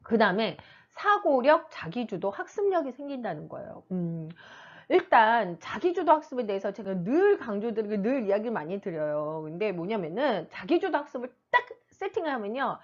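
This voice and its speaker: A middle-aged woman teacher giving parents casual advice, animated and acting out kids and mothers in quick asides. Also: on the high side, lo-fi sound. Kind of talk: casual explanatory talk to parents.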